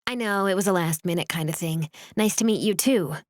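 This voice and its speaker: Woman voices an upbeat, forward young woman, higher than the narration, dry read. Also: a little fast, no room sound, close to an everyday voice. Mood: chirpy. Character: bubbly, forward young woman, the best friend.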